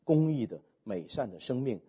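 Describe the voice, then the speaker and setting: A male pastor preaching a sermon, asking rhetorical questions and letting his phrases fall away softly at the ends. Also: medium pitch, very animated, moderate pace, husky, muffled recording.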